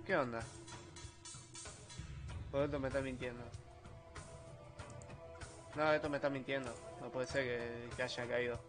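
A young man with an Argentine accent, live streaming a retro game in low spirits, joking in slang and reading chat aloud. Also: level tone, unhurried, pauses often, over music. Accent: Argentine Spanish. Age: young adult. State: low-energy, subdued. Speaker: gaming streamer. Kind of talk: casual live stream commentary while gaming.

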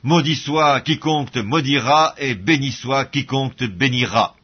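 A man reading the part of an old blind father who blesses his son, in a solemn, measured way. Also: medium pitch, slightly rough, natural voice. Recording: dull lo-fi audio.

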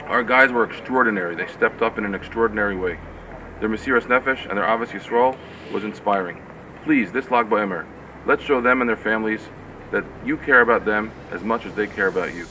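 A man's voice: fairly low pitch, brisk, pushed and bright, recorded from a distance, poor audio. A middle-aged man making a sincere prepared appeal to camera outdoors. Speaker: organization coordinator making an appeal. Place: outdoors on a street. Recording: off-mic outdoors, clear traffic noise.

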